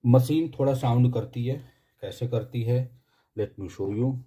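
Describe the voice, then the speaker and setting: Husky, dark-voiced man giving a chatty review. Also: medium pitch, slow pace. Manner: chatty, jokey, keeps saying "theek hai". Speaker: product reviewer. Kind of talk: casual unboxing review.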